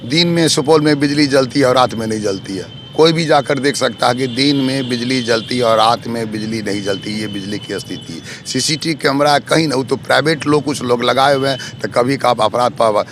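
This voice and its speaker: Speaking at medium pitch and a normal speed with few pauses, a man running in a local election fires back at interview questions. He is accusatory and forceful, stacking up grievances, and there's slight background noise.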